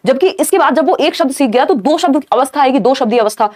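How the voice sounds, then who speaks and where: Female tutor, live online lesson, rapid explanatory delivery, slightly high voice. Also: lively intonation, a little mellow. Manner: brisk, explanatory, talks to chat viewers. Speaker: teacher.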